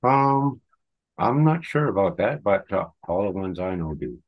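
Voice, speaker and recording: A man with a very low, deep voice tells a story as a radio guest. His speech is halting and unhurried, with frequent pauses while he gathers his thoughts. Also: sing-song, highs cut off. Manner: halting, hesitant phrasing. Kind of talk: casual spoken storytelling.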